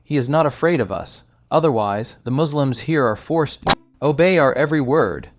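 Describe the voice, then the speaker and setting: A man's voice: mid-range voice, moderate pace, no room sound, natural voice. A man voicing menacing, mocking village bullies who threaten the old man. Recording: slightly dull recording with soft music.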